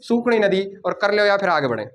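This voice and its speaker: Guy teaching a coaching class, pretty high voice, dictates notes and says key words over and over slowly. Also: very animated, a bit bright. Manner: repeats key words slowly for students to write.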